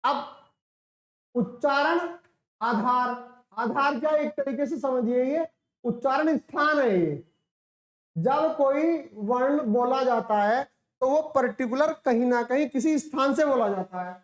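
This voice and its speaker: A teacher with a high-pitched voice delivers a classroom lecture in an unhurried way, her voice echoing in a reverberant space. She breaks things down step by step, asks and answers her own questions, and draws out sounds to illustrate them.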